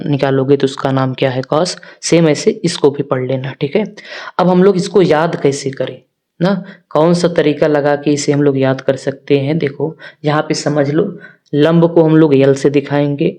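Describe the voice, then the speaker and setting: A male teacher walks students through a maths lesson. He keeps asking them questions and then answers them himself. His voice sits a little high and has a warm, mellow tone. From northern India. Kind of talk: classroom-style maths lesson.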